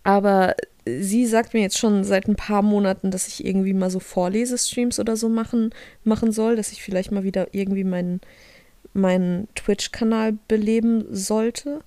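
A young German woman co-hosts a podcast, chatting freely and casually, laughing often, trailing off and restarting. Her medium-pitched voice is warm and steady at a moderate pace, with no echo.

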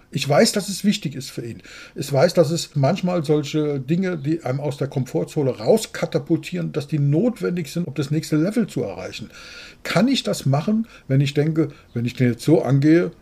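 A man's voice: medium pitch, breathy edge. A man, a business consultant co-hosting a podcast, talking in a blunt, outspoken way. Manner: blunt, outspoken, animated storytelling. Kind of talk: casual podcast conversation.

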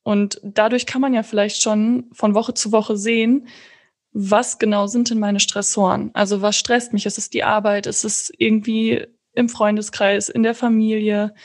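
A woman's voice: mid-range voice, little pitch movement, moderate pace. A woman hosting a podcast, talking casually in long, chained thoughts. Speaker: podcast host. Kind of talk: casual conversational podcast talk.

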